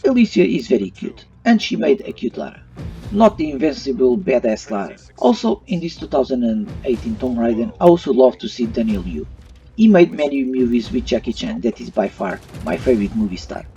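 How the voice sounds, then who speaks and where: Very animated and brisk, this male YouTube reviewer shares opinions on a movie in a warm, mid-range voice, using non-native English phrasing. The voice-over is muffled through a slightly distant mic, with faint music underneath.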